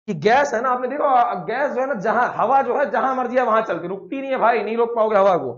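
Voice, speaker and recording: A man's voice: very high-pitched, animated, brisk, muffled recording. A man teaching a classroom lecture, playful and blunt, always firing questions at his students.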